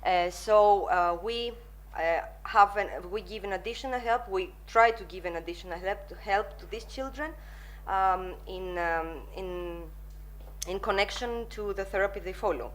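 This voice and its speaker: A woman giving a conference presentation as a psychologist, in halting, hesitant phrases. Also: medium pitch, slight background noise, low-quality recording.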